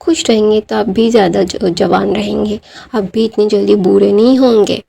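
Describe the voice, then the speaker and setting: A woman's voice: medium pitch, steady tone, normal speed, vocal fry, mellow, husky. A woman voicing a talkative, blunt little boy in a retold storybook tale. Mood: teasing. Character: chatty cheeky little boy.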